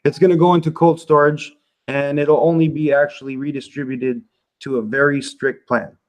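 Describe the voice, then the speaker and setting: A man casually answering community questions on a livestream from his home office, relaxed and laughing often, with loose filler-heavy talk. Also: on the high side, moderate pace, rough recording.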